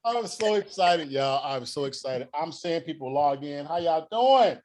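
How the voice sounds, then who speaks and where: Guy hosting a live stream, slangy and teasing, voice jumps all over, kinda high. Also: lively intonation, measured pace, darkish tone. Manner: playful, teasing, loose slangy delivery. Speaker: show host. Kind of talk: casual live-stream chat.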